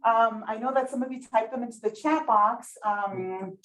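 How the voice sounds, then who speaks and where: A workshop facilitator whose first language is Spanish speaks at normal speed in a fairly bright voice on the high side, though the audio is poor. She teaches a community workshop in a meeting room, with some people joining online, keeping it chatty and checking in with the group often.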